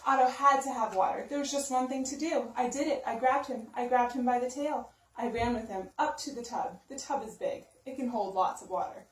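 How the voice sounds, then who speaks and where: A story-time reader with a slightly high voice narrates a children's storybook fairly quickly and expressively. Her phrasing is simple and emphatic for young listeners. The microphone is distant and the sound roomy.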